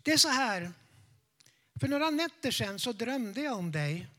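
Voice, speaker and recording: Brief: skeptical older woman, nervous, rushed delivery, raised pitch and volume, played by a man. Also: sing-song, bright, forceful tone, full character voice. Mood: earnest. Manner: hurried, fast talk.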